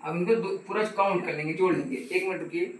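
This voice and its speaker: A man's voice: high voice, fast, a little hiss or hum. Man, math tutor, patient and repetitive, echoey room, distant mic. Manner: patient, repeats "ठीक है" and asks the viewer questions. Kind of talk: casual step-by-step math lesson.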